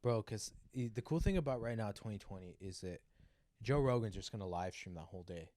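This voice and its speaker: A man's voice: lowish voice, animated, fairly quick, mellow, no echo, clean studio sound. A young man co-hosting a podcast, chatting casually in a slangy, joking way and acting out little quotes. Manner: laid-back, slangy, jokey, acts out quotes. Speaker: podcast co-host. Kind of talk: casual chat.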